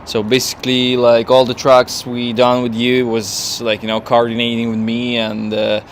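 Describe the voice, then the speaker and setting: Man, Ukrainian speaker, average pitch, halting phrasing, casual interview guest, faint outdoor traffic noise. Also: completely flat delivery. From Estonia. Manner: halting, hesitant non-native phrasing. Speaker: guest, volunteer campaign coordinator. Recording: noisy outdoor city street with traffic.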